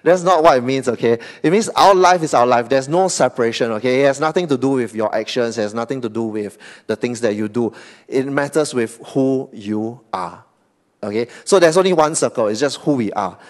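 Singaporean guy pastor giving a sermon, lively, lots of okay? right?, goes loud then quiet. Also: mid-range voice, brisk. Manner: animated, frequent "okay?" and "right?" tags, shifting loud and soft.

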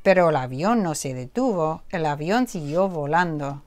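A woman reading a children's picture book aloud, expressive and pausing to ask listeners questions. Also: low-pitched. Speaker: storybook reader.

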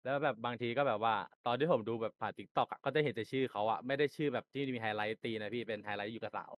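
Fast, rambling young man. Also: medium pitch. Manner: rambling, filler-heavy, restarts. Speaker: applicant being interviewed. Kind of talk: casual rambling answers.

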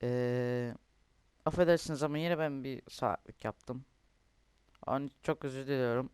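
A man's voice: mid-range voice, fairly even intonation, moderate pace, darkish tone, smooth, no echo. A young man commentating his own football video game, ranting and complaining with lots of swearing. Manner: frustrated, swears often, rants and complains. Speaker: gaming youtuber.

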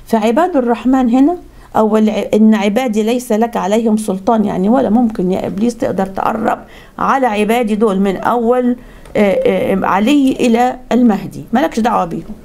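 A woman's voice: on the high side, gravelly, darkish tone. A woman with an Egyptian accent giving a conversational religious talk, telling stories and often restarting her words. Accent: Egyptian Arabic. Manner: fast, conversational, frequent restarts. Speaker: religious speaker.

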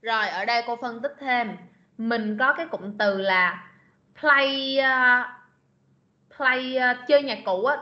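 A woman teaching an online class, patiently repeating words slowly to model pronunciation. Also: fairly high pitch. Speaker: English teacher. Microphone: video call. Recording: lo-fi video meeting recording.

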